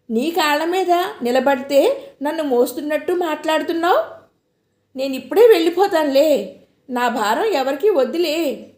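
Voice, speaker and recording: A woman voicing a young married woman who is hurt and quick-tempered, speaking in an emotional, reproachful way. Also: high-pitched, warm tone, voice pushed up. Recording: echoey room.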